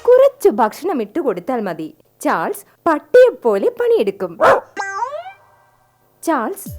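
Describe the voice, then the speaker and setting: Actress as a bossy salesy wife, very animated high voice, light music underneath. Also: female voice, measured pace, full character voice. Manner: sales-pitch presenter tone, bossy. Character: bossy wife selling her husband like a product, woman. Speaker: stage comedian. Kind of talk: mock advertisement in a stage skit.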